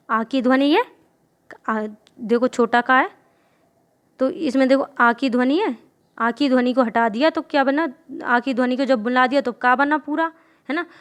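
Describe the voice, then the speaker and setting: A woman's voice: high voice, clean tone. A young woman teaching a grammar lesson, repeating examples and often asking the class questions to check they follow. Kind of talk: explaining a Hindi grammar lesson.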